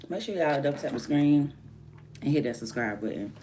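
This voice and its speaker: On her morning livestream from home, a woman who's a music artist talks casually and a little fast, her voice lowered from just waking up. She's animated as she rambles, moving between soft murmurs and lively bursts, with background noise present.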